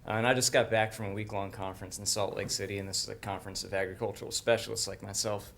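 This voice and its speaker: A man's voice: fairly low pitch, level tone, fast, vocal fry, fairly bright tone. A man giving a humorous speech to a club, speaking in a dry, mock-earnest way.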